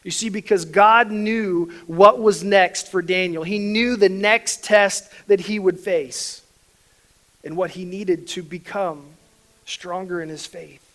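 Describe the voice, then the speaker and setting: Male pastor with a high-pitched voice, preaching with emphatic swings in volume. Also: steady tone, takes it slowly, low-quality recording. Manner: emphatic, swinging between soft and loud. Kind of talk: sermon.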